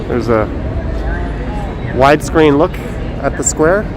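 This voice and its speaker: A man chats casually and haltingly on a live stream, speaking through a face mask. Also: on the high side, expressive, crowd noise. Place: outdoors in a windy downtown city square. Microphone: phone on a gimbal. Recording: noisy windy city street, traffic.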